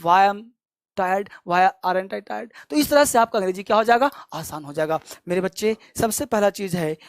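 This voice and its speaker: A man teaching spoken English online, drilling phrases by repetition in a loud, emphatic way and ending with a fiery motivational pep talk. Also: sits high, moderate pace, dry recording, studio quality.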